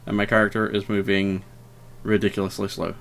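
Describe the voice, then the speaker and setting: A man's voice: on the low side, little pitch movement, fairly quick, vocal fry, fairly bright tone, slight background noise. A man giving casual, rambling gameplay commentary, hesitant and full of fillers, with a wry, self-deprecating manner. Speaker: let's player.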